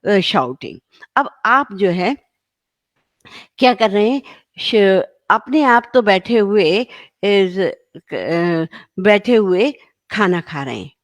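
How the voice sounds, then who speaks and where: Middle-aged lady talking parenting tips, lively, acts out the kids and parents, dry sound. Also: medium pitch, no room sound. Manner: lively, acts out parents and children in quoted voices. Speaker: parenting educator. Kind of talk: parenting talk to camera.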